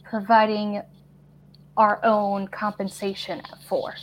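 A woman playing a tabletop game, lively and quick to laugh, slipping into her character's speech. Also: mid-range voice, slight background noise. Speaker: player. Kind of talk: tabletop role-play chat.

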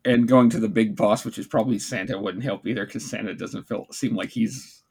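A man with a husky, slightly rough voice chats as a co-host. He gives casual, rambling, jokey commentary, often restarting his thoughts. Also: lowish voice, fairly even intonation, a little fast.

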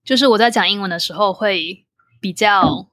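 A woman's voice: medium pitch, moderate pace, fairly bright tone, dry recording, studio quality. A young adult woman from Taiwan with a Taiwanese Mandarin accent, chatting reflectively and casually, dropping in occasional English words.

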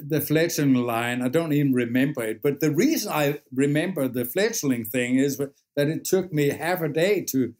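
Hesitant man with a higher voice. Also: expressive, a little mellow. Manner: hesitant, halting, stumbles over his words. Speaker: actor. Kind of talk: casual chat.

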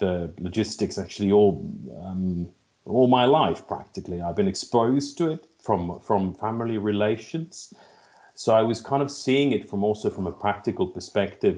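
A middle-aged Finnish man with a lowish, mellow voice answers interview questions as a podcast guest; he's a logistics executive. Speaking with a Finnish accent, he hesitates and repeats words while searching for the right phrasing.

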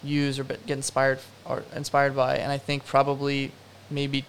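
A man's voice: mid-range voice, monotone, normal speed, a little hiss or hum. A young man, a production designer, answering interview questions in a rambling, casual way full of fillers and self-deprecating asides.

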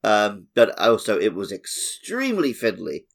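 This podcast co-host has a low-leaning, creaky voice whose pitch swoops wildly, though his pace stays measured. In an easygoing, conversational way, he recalls playing a game.

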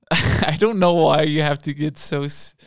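A man's voice: fairly high pitch, no room sound, studio quality. A man co-hosting a podcast, teasing his partner and laughing often in casual chat. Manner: teasing, laughs often, quick back-and-forth. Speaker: podcast co-host.

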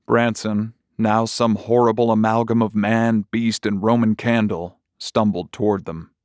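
Low-voiced man narrating horror. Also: flat delivery, a little slow, a little mellow, no room sound, clean studio sound. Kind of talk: horror story reading.

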